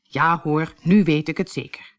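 A woman's voice: low voice, steady tone, measured pace. A woman voicing a cheeky young man who poses as a pompous doctor in a storybook, mock-solemn and hesitant.

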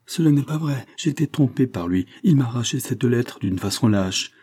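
A man's voice: fairly low pitch, animated, normal speed, dark tone, husky. A man reading aloud, voicing a desperate male lover who pleads urgently. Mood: pleading.

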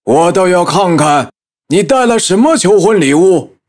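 A man's voice: high voice, lively intonation, measured pace. A man playing a haughty, greedy sultan in an acted children's audio story. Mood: haughty, mocking.

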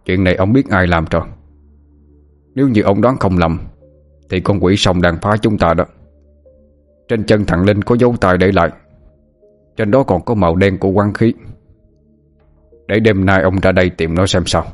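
A man's voice: low voice, normal speed, pauses often, faint music behind, natural voice. A man voicing an elderly village grandfather who leads river rituals, speaking in a grave, commanding way.

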